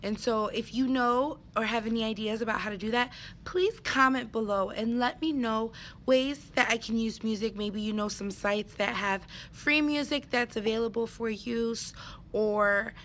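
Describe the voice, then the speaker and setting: A woman teacher telling a classroom story in an animated vlog, acting out the children's voices. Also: on the high side, moderate pace, slight background noise. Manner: animated, acts out kids' voices.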